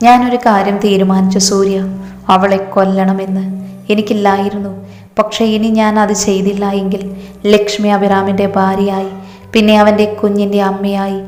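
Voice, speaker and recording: Play , as a woman narrating, a jealous young man, bitter and brooding, in a flat tone with the sound ringing in an echoey hall. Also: high-pitched, normal speed, natural voice. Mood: vengeful.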